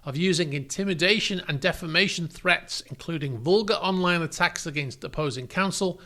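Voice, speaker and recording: A man's voice: fairly high pitch, normal speed, sharp tone. A man hosting a news show, reading out statements and adding wry, critical asides in a conversational way. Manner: conversational, reads statements and comments aloud. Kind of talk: news commentary.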